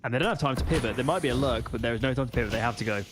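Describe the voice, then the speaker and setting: Mid-pitched male esports co-commentator, conversational. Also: rapid-fire. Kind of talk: live esports analysis and commentary. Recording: faint background noise and clicks.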